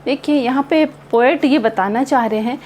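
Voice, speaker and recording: A woman teaching English with an Indian English accent. She reads a poem aloud slowly, then explains it in Hindi mixed with English words. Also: high-pitched, a little mellow, slight background noise.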